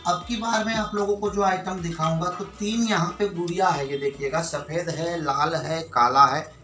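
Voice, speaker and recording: A man's voice: on the high side, distant mic. An Indian man giving a magic tutorial like a party magician, with showman patter, addressing viewers as friends. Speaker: magician demonstrating and selling magic tricks. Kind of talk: magic tutorial patter with counting and nonsense magic words. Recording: echoey room, off-mic, music behind.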